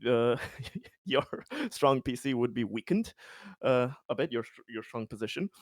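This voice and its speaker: A man playing a tabletop RPG casually recaps his character's schemes, rambling, swearing and amused by himself. His mid-range voice has lively intonation and an unhurried pace, captured in a dry, clean studio recording.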